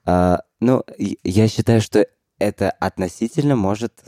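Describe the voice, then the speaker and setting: Dark, low-voiced man, blunt and sweary. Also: moderate pace, no room sound, clean studio sound. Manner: blunt, heavily profane, loose fragmented phrasing. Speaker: drag queen podcaster. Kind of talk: casual chat.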